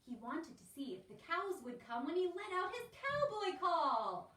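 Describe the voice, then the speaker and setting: A woman's voice: extremely high pitch, big pitch swings, a little slow, a bit bright. A woman teaching an elementary music lesson over a home livestream, talking to young children in an encouraging, sing-song way. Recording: roomy, distant, faint background hiss.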